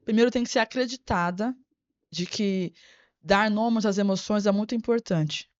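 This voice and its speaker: A woman's voice: mid-range voice, moderate pace, dry recording. A woman guest on a podcast interview, an educator speaking in an earnest, reflective way and repeating words as she thinks. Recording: dry, slightly dull sound.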